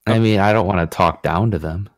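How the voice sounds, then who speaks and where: A man's voice: sits low, fairly quick. A man player chatting casually at a tabletop game, laid-back and joking.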